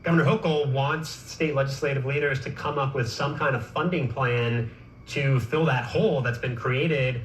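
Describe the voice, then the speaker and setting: A man hosting a political news program, asking questions in a brisk, conversational way. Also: medium pitch, echoey room, a little hiss or hum, poor audio. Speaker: TV news host.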